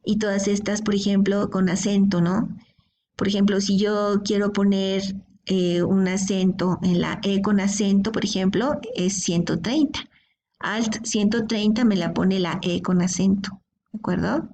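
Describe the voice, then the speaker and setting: A woman's voice: mid-range voice, fairly even intonation, measured pace, mellow, a little hiss or hum. A woman teaching a programming class, explaining step by step and often checking in with her students. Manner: explanatory, checks in with frequent "¿sí?" and "¿de acuerdo?". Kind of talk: screen-recorded coding lesson.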